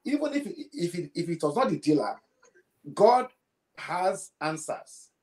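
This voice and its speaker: Low-voiced woman preaching emphatically. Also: big pitch swings, unhurried, a little mellow. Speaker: co-host. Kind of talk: faith talk show.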